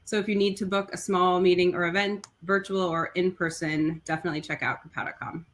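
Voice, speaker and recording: A woman's voice: lowish voice, fairly even intonation, a little fast, a bit bright. A woman speaking briefly and politely as a guest on a video-call webinar, matter-of-fact in tone. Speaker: company director and guest panelist. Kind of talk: casual webinar chat.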